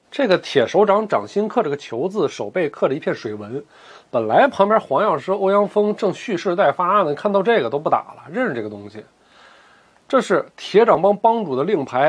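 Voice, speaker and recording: A man narrating a martial-arts story in a lively, colloquial, joking way. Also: on the high side, slightly rough.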